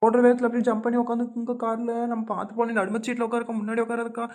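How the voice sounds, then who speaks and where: A fast-talking, flustered young cartoon driver, voiced by a woman. Her voice sits a touch high and the words tumble out in a rush, cheeky and urgent. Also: flat delivery, a little mellow, lightly acted. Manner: urgent, teasing. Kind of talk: comedy cartoon voice acting.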